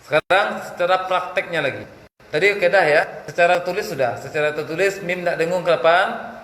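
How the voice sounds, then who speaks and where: Male Quran teacher with a Minangkabau-tinged accent, a little high-pitched, asks and answers his own questions, chants examples, echoey room. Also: fairly bright tone. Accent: Minangkabau-tinged Indonesian. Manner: explains by question and answer, chants verses slowly. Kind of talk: tajwid lesson with chanted examples. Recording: echoey room with faint background noise.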